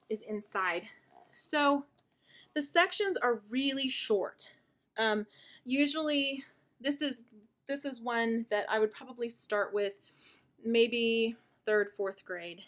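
A woman in her thirties, a homeschooling mother, explaining her curriculum in a chatty, enthusiastic way while out of breath and sighing. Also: fairly high pitch. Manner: chatty and warmly enthusiastic, with fillers. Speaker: homeschooling mother and video host. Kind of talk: casual show-and-tell explanation.

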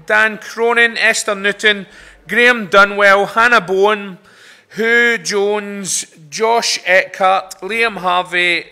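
Glasgow accent guy leading chapel at a lectern, really bright punchy voice, slightly high. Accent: Glaswegian Scottish. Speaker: chapel service leader. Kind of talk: informal spoken announcements from a lectern. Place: brick-walled chapel with a seated congregation. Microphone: lectern microphone.

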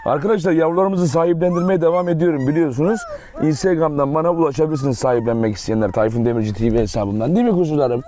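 A man's voice: a little high, warm tone. A young man chatting casually as he walks viewers around his dog farm outdoors, often cooing affectionately at his dogs. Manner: fast, affectionate baby talk to his dogs. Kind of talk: casual vlog walkthrough.

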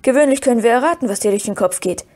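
A woman reading the part of Merry, a calm and knowing young male hobbit who speaks with quiet decisiveness. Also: on the high side, rapid-fire. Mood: reassuring.

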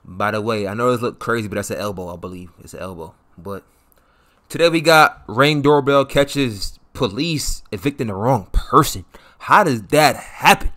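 Male host, medium pitch, informal slangy talk, reaction commentary, small room. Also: lively intonation, moderate pace, a bit bright.

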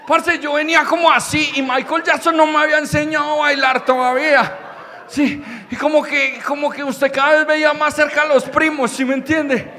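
A young Colombian man doing stand-up comedy storytelling, animated, with loud outbursts and crude slang. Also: extremely high pitch, moderate pace, in a large hall.

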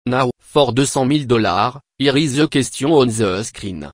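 A man's voice: mid-range voice, animated, moderate pace, no room sound, clean studio sound, close to an everyday voice. A man voicing a pompous, mocking, foul-mouthed host of a cartoon parody game show. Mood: posing questions.

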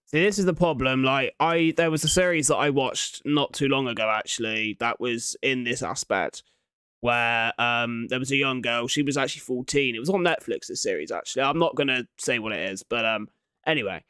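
A young man hosts a reaction video from a small room at home, talking fairly quickly in a mid-range voice with a sharp, clean tone. He sits close to a large desk microphone, so the recording is dry, and his commentary is casual, slangy, and sweary.

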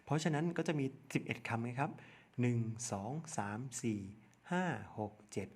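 A man with a Thai accent teaching young children English numbers, spelling out letters one at a time and repeating each word slowly. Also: mid-range voice, expressive. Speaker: primary school English teacher. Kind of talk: slow step-by-step lesson narration.

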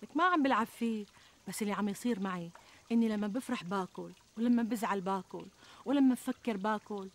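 An actress playing a plump, middle-aged Syrian housewife who complains expressively and plaintively in a TV comedy. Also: female voice, mid-range voice, natural voice. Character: plump, fretful, self-deprecating housewife and mother. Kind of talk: conversational TV comedy sketch acting. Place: outdoors in a garden. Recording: outdoor ambience, trickling water noise.

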